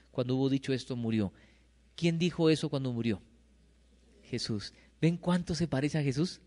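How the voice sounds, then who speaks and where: A man's voice: a little high, fairly bright tone, long reverb tail. A middle-aged man preaching a sermon, asking his congregation questions and answering them himself. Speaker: pastor. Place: church hall.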